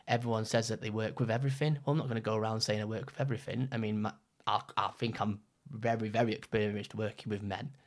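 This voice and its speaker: A man's voice: lowish voice, fairly even intonation, quick pace. A young man in casual podcast chat, rambling with many fillers and restarts. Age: young adult. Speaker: trainee counsellor, podcast co-host.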